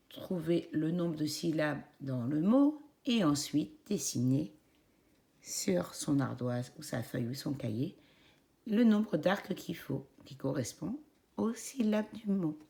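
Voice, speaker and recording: A woman teacher with a French accent, giving a phonics lesson to young children in a slow, encouraging voice and spelling out each syllable. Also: lowish voice, creaky, warm tone.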